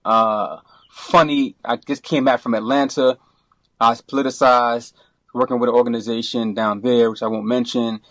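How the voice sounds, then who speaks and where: A middle-aged man from Brooklyn, a podcast guest who talks in a relaxed, rambling way, full of restarts and you-knows. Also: medium pitch, moderate pace, dry recording. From Brooklyn, New York. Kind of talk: casual interview.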